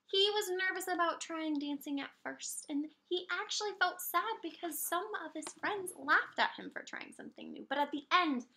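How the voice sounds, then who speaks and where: A preschool teacher with a high voice shares a picture book aloud, reading expressively and cheering the children on. Every so often she stops to explain something simply or ask the young listeners a question.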